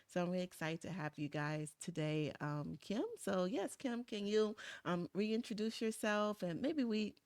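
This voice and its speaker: A woman hosting an online interview from her home studio, upbeat and often pausing on "um". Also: mid-range voice, a little mellow, dry recording. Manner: upbeat, frequent "um" fillers. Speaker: host. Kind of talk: webinar interview. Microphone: video call.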